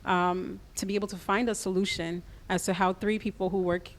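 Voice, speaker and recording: On a radio interview, an American-raised woman appears as a guest and talks through her creative business in a practical, measured way. Her voice sits in the mid-range with little pitch movement.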